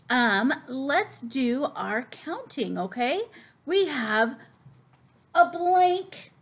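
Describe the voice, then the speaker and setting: A woman teaching preschoolers as host of a children's lesson, speaking slowly with exaggerated, cartoonish sing-song intonation. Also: fairly high pitch. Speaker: preschool teacher hosting circle time.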